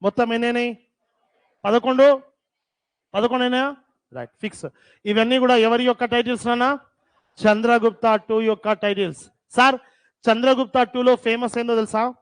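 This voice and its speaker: Guy teacher with a high voice dictating stuff word by word, repeats it, teases the kids, dry sound. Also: steady tone, clear, resonant tone, dry recording. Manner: repeats terms slowly for dictation, teasing scolds. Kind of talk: classroom dictation lesson.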